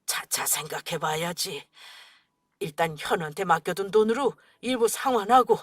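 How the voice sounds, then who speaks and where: A blustering middle-aged father, voiced by a woman, who scolds and bellows at his grown son in a radio drama. His voice swings high and low with temper, and the recording is close and dry. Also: lively intonation, moderate pace, no room sound. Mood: grim.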